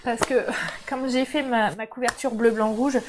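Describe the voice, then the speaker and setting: A woman with a French accent leads a casual livestream at her craft desk. She talks to her viewers in a chatty, friendly way and laughs often, in a slightly high voice. A faint background hiss sits under her voice. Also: steady tone, a little slow. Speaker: crafting channel host. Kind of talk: casual live crafting demo. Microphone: camera mic.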